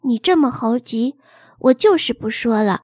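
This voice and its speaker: A woman voicing a secretive, shy young girl who speaks in a hushed, hesitant and lower tone in a storybook reading. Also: animated, moderate pace, dry recording, clean studio sound. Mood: confiding. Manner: hushed, hesitant, low confiding tone.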